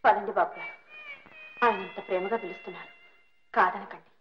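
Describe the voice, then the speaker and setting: An actress playing a compassionate young woman who gently and urgently pleads for a sick old man, in a film melodrama. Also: mid-range voice, fairly even intonation, a little fast, faint music behind, close to an everyday voice. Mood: coaxing. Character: kind young woman, compassionate and self-giving. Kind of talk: 1960s Telugu film melodrama. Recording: dull old film soundtrack, faint hiss.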